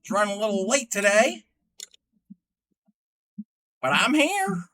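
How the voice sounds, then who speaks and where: A man playing a chatty ninety-year-old grandmother who hosts a livestream, rambling folksily and halting with fillers. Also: sits high, big pitch swings, bright, forceful tone, heavily acted. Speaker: livestream host showing crochet. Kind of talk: in-character livestream chat.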